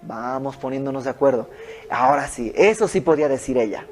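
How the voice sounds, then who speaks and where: A man's voice: mid-range voice, animated, brisk, a little mellow. A man teaching an informal Bible study in a home, explaining verse by verse with conversational asides. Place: a private home.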